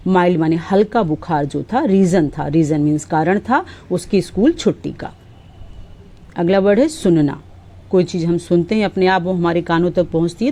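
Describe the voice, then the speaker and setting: A woman teaches vocabulary. Her voice sits low and sounds mellow. She reads each example sentence slowly and carefully before explaining it. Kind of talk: explaining word meanings.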